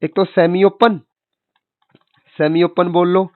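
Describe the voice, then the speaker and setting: A man's voice: high voice, little pitch movement, slow pace, dry recording. A male maths teacher giving an online lecture in a chatty way, calling his students kid and boss and asking their questions for them. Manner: voices students' questions, then answers them. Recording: dry, tinny phone-like sound.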